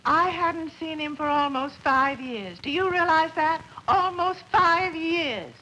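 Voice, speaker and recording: A woman's voice: very high voice, slow pace, sharp tone, exaggerated voice, poor audio. An actress playing a weary, confused middle-aged wife and mother in a 1950s television drama, talking in a distracted way. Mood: dazed.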